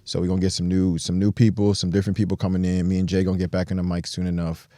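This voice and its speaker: A man's voice: low-pitched, completely flat delivery, very fast, warm tone, no room sound, clean studio sound. A man with an American accent, hosting a podcast in laid-back, slangy casual chat. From United States. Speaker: podcast host.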